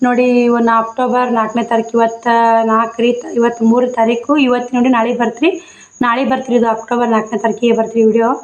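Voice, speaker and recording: A village woman vlogger speaks fast to her viewers, calling them friends and circling back over the same points. Her voice sits a little high and stays flat in tone. The room around her is echoey. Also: muffled recording. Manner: plain, repetitive, addresses viewers as friends. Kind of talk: casual daily-life vlog talk to viewers. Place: village home.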